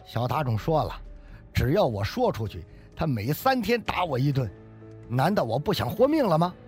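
A man voicing a bitter, cowardly male soldier who grumbles in a low, sullen voice. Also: sing-song, normal speed, darkish tone, faint music behind. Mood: resentful.

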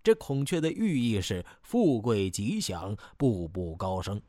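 A man's voice: fairly low pitch, measured pace, dry recording. Man voicing an obsequious owner, effusive, dry. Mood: flattering. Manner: effusive, flattering.

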